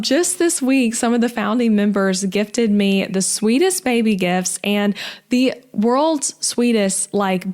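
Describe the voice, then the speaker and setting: This is a young woman with a light lilt, hosting a podcast. She talks in a warm, gushing, chatty way, with plenty of "um" and "like" sprinkled in. Her pitch sits right in the middle for a woman. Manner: gushing, chatty, many fillers like "um" and "like". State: pregnant. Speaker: podcast host. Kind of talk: casual interview and podcast intro.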